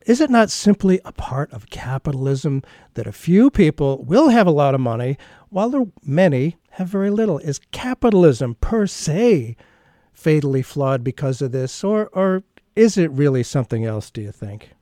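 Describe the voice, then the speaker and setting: A man's voice: fairly high pitch, very animated, moderate pace, mellow, no echo, studio quality. A man from the United States hosting a radio interview, asking questions with conversational, sarcastic asides. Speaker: radio host.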